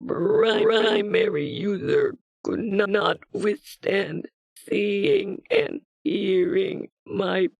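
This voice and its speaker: An actor voicing a broken-down dying robot whose corrupted voice breaks into halting, stuttering glitches. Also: mid-range voice, huge pitch swings, creaky, no room sound, exaggerated voice. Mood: tender. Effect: rusty, crackly robot voice.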